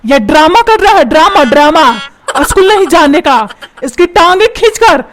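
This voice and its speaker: A woman's voice: very high-pitched, expressive, normal speed, background noise. A woman voicing a grumpy, put-upon old husband and father who scolds and complains. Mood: scolding. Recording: music playing behind.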